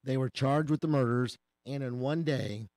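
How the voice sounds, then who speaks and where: A male attorney guest on a radio talk show, slightly hoarse from a cold, explaining a legal case in an earnest way. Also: medium pitch, moderate pace, a little mellow, no echo.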